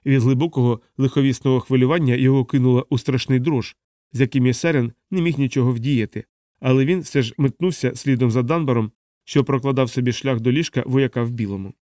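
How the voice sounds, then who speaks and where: A male narrator with a dark, mellow voice reads a novel aloud at a steady, even pace. The recording is dry and close, with no room sound around him. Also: medium pitch, fast, no room sound. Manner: steady, even literary reading. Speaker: audiobook narrator. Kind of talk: scripted audiobook narration.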